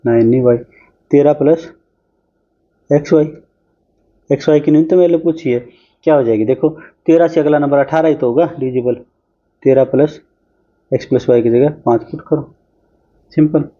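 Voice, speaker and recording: A man's voice: on the high side, dark tone, highs cut off. A man teaching an exam-prep math lesson, talking chattily while he works through problems on screen. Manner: brisk, chatty, talks while solving on screen.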